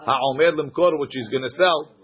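A man's voice: medium pitch, normal speed, highs cut off. A man giving an informal Talmud lesson as a teacher, reading phrases aloud and explaining them in short glosses.

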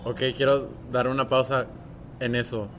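Male host, mid-pitched voice, brief questions; faint ambience behind. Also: flat delivery, moderate pace, a bit bright, a little hiss or hum. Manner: brief prompting questions and backchannels. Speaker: interviewer. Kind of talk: casual interview.

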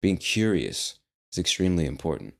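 A man's voice: low voice, big pitch swings, fairly quick, vocal fry. A man hosting a casual solo podcast, talking in a rambling, playful way with the odd swear word. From United States. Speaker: podcast host.

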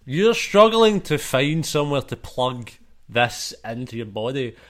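A man's voice: medium pitch, sing-song, unhurried. Man narrating as game master. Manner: loose, rambling, full of fillers.

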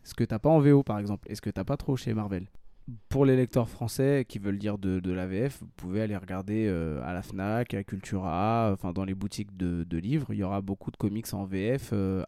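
Chill french guy rambling on a podcast, low mellow voice, dry close sound. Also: fairly quick, dry recording. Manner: relaxed, rambling, many fillers and restarts. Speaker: podcast co-host. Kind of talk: casual chat.

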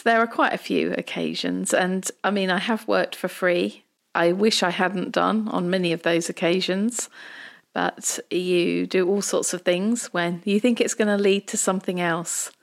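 A woman with a gravelly voice talking in a casual, loosely conversational way as a podcast co-host. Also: fairly low pitch, measured pace.

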